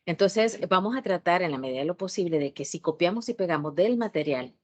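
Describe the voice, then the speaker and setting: A woman with a Salvadoran accent gives an online tutorial lecture with a low voice. She talks in a strict, instructive way and often pauses on hesitation fillers while she explains. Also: animated. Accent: Salvadoran Spanish. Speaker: university math education tutor.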